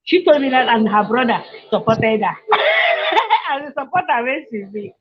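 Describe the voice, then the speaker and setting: A woman's voice: fairly high pitch, animated, normal speed. Emotional woman telling her story. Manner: emotional, laughs often, repeats herself. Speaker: guest sharing her story. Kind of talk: casual conversation. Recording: muffled lo-fi sound.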